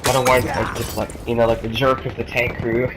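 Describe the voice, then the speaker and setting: Game sounds and background noise sit behind a young man's brisk, mid-range voice that barely moves in pitch. He's a gaming YouTuber with a cold, rambling casually and often restarting or filling gaps.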